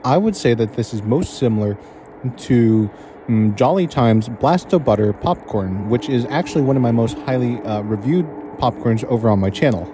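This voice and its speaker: A man's voice: mid-range voice, expressive, moderate pace, noisy background. A man reviewing food in a casual way, talking with food in his mouth, hesitant and earnest as he weighs his words.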